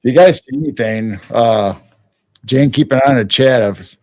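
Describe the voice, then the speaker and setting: A man hosting a casual live stream, thinking aloud in halting starts while studying something on his monitor. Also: medium pitch. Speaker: stream host.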